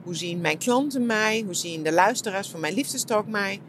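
A middle-aged woman talking reflectively about her retreat, soft and searching, with many fillers and restarts. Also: mid-range voice, lively intonation, moderate pace, slight background noise. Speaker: shiatsu practitioner and podcast host. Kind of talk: reflective personal monologue.

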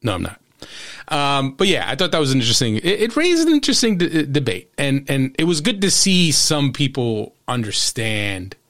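A man's voice: medium pitch, a bit bright. A man hosting a soccer podcast, giving opinionated commentary in an emphatic, sarcastic way. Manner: emphatic and sarcastic, with frequent restarts. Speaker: podcast host.

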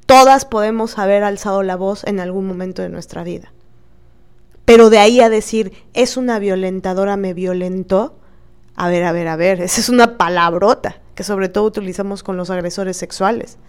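A woman's voice: mid-range voice, brisk, smooth. A woman with a Mexican accent, hosting a podcast and talking in an earnest, emphatic way, often asking questions of herself and others. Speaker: podcast host. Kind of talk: reflective podcast talk.

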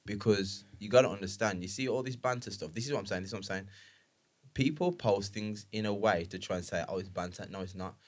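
A man's voice: on the low side, fast. A man with a London roadman accent chatting casually in street slang, emphatic and insistently repeating his phrases. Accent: London roadman, multicultural London street English. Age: adult, married with children. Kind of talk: casual chat, slang-heavy.

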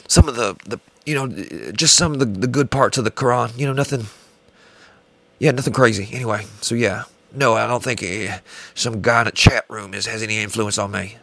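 A man joking through casual comedic banter, rambling deadpan through absurd bits. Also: lowish voice, normal speed, creaky, dry recording.

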